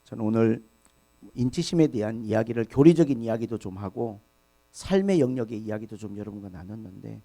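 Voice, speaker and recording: A man's voice: on the low side, expressive, a little fast, vocal fry, dark tone. A male pastor preaching a Sunday sermon at a church service. He speaks earnestly and with emphasis, addresses the congregation directly and repeats key words.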